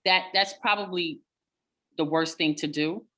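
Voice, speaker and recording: Low-voiced woman host, bright tone. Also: unhurried. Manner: affirming, brief interjections. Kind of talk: conversational interview.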